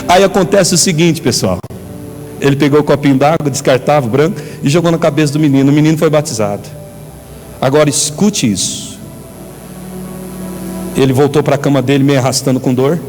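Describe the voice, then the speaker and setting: A male pastor with a Brazilian Portuguese accent, preaching an animated sermon and calling on the congregation to respond. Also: a little high, brisk, pauses often. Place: church. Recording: church hall reverb, faint music.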